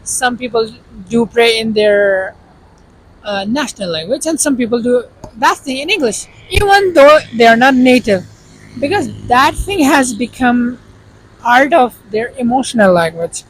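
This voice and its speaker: A man from Pakistan, whose first language is Urdu, vlogs in a Pakistani accent, earnestly and casually advising the viewer directly. His very high-pitched voice is animated, a little slow and fairly bright. The rough recording carries a little hiss or hum.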